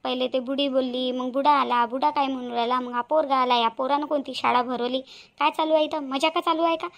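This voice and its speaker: A woman voicing a loud, quarrelsome middle-aged village auntie in a cartoon, firing off demanding questions. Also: fairly even intonation. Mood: exasperated. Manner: demanding, shrill, rapid-fire questions. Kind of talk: cartoon voice acting.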